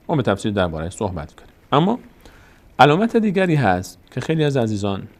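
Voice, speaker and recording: A man's voice: on the low side, creaky. A man with a Tajik Persian accent teaching Quranic reading signs step by step, patient and explanatory, often asking and answering his own questions.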